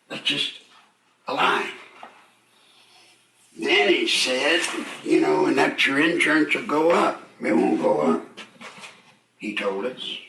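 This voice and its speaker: A man's voice: mid-range voice, bright, forceful tone, a little hiss or hum. An older man hosting a live talk radio show, out of breath, rambling folksy and indignant with rhetorical questions. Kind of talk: live call-in radio commentary.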